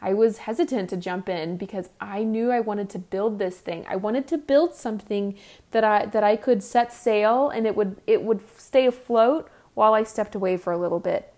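On her solo podcast, a woman in her thirties responds to listener questions chattily and candidly, frequently starting over and making jokes at her own expense. She talks at a moderate pace in a mid-range, darkish voice.

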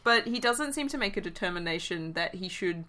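A woman's voice: lowish voice, animated, fairly quick, pushed and bright. A woman co-hosting a podcast as a historian, talking enthusiastically in casual chat with playful asides.

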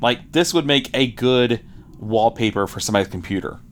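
With slight background noise, a medium-pitched, animated man co-hosts a comic book podcast at a normal pace. He goes through the issue's credits and a plot recap before settling into casual talk heavy with fillers and repeats.

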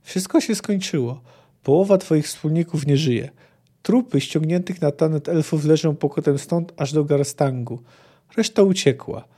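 A man's voice: fairly high pitch, mellow, close to an everyday voice. A man reading aloud as a grim, terse male monster hunter, with curt, dry delivery.

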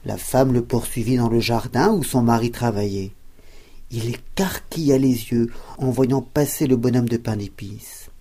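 Low husky woman reading a bedtime story. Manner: slow, expressive storybook narration.

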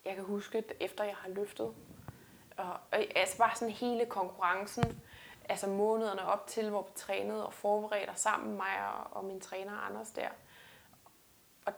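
A woman's voice: mid-range voice, level tone, gravelly, slight background noise. A woman weightlifter talking earnestly and reflectively in a casual interview, often restarting her sentences. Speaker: guest weightlifter.

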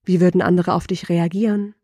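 A middle-aged woman voice coach giving a lesson, asking the listener slow, deliberate reflective questions. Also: on the low side, flat delivery, warm tone, no echo, clean studio sound.

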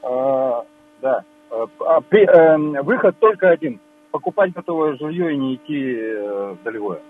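A man calling in to a radio talk show over a phone line, speaking plainly and haltingly. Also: mid-range voice, animated, soft background music. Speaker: radio caller. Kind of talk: call-in comment. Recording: tinny hum-laden phone line.

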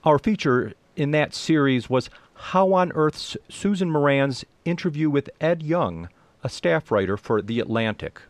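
A man's voice: fairly high pitch, lively intonation, measured pace, dry recording. A man co-hosting a science radio show, reading scripted introductions. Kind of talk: scripted narration introducing a feature.

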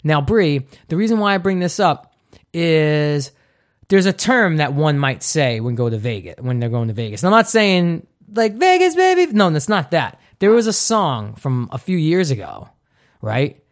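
A man's voice: a little high, animated, moderate pace. A man in his thirties hosting a podcast, chatting casually and joking through upbeat ad reads. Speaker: podcast host.

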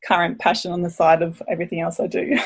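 A woman's voice: fairly low pitch, fairly quick, gravelly, breathy edge. An Australian woman in her thirties, a podcast guest chatting casually and enthusiastically, laughing often. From Brisbane, Australia. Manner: enthusiastic, laughs often, thinks aloud with fillers. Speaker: guest, permaculture designer.

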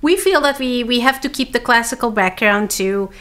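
A woman's voice: a little high, normal speed, fairly bright tone. A woman from Hungary with a Hungarian accent, chatting casually as a musician guest in a living room interview. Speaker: guest, cellist and cello teacher.

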